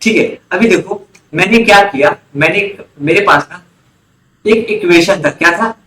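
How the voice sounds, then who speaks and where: Upbeat male tutor from India, high voice, roomy echo, drills terms by repetition. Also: moderate pace, a little hiss or hum. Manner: lively, quizzes students, repeats key terms. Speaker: commerce teacher. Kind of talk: online class lecture. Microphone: online class recording.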